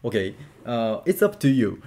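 A man with a Japanese accent teaching a casual language lesson, repeating syllables slowly for drills and saying "okay" often. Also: mid-range voice, sing-song, a little mellow.

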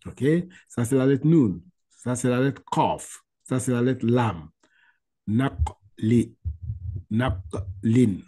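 A man teaching Quran letter reading over a video call, patient and repeating sounds slowly for his student. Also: medium pitch, expressive, warm tone. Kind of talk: online one-on-one lesson.

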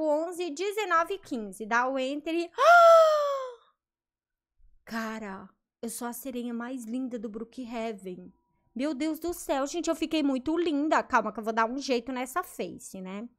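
A woman with a Brazilian Portuguese accent giving excited, casual commentary on her Roblox gameplay, gasping often and reading other players' chat aloud. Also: sits high.

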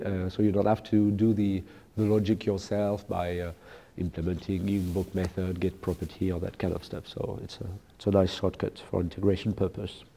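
A man giving a technical keynote talk at a conference, speaking haltingly with many fillers and restarts. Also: lowish voice, gravelly, warm tone. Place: large lecture hall with audience. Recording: echoey large hall.

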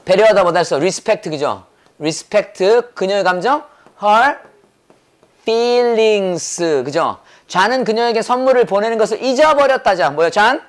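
A man teaching English grammar in a brisk lecture, drilling points over and over and firing rhetorical questions at his students. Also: high voice, expressive. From South Korea. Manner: quizzing with rapid rhetorical questions. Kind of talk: classroom lecture.

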